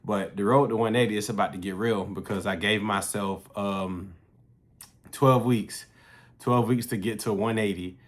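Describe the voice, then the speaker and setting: A man in his late thirties with a fairly low voice talks straight to camera about his fitness journey. His delivery is loose, slangy and profane, like chatting with friends. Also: steady tone, normal speed. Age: 30s. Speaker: fitness vlogger. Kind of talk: casual talking-to-camera vlog.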